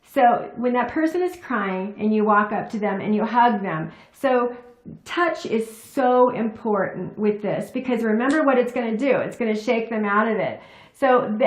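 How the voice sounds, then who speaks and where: A woman's voice: fairly high pitch, echoey room. A woman hosting a relationship advice talk, speaking earnestly and often asking "right?" to check in with the viewer. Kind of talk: casual advice talk to camera.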